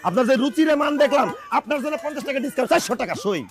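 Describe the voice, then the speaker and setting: A man plays a cocky, hot-tempered street shoe seller in a comic skit. He uses loud, rhyming sales patter. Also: extremely high pitch, animated, very fast. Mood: coaxing. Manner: brash rhyming hawker patter, loud and quarrelsome. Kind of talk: comic short-drama acting.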